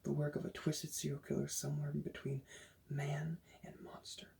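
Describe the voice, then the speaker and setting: A man in an ASMR role-play speaks as a librarian in a hushed, breathy library soft voice, thick with gravelly fry. His voice sits a little high for a man, and clear noise runs behind it. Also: completely flat delivery, normal speed. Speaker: librarian recommending books in an ASMR roleplay.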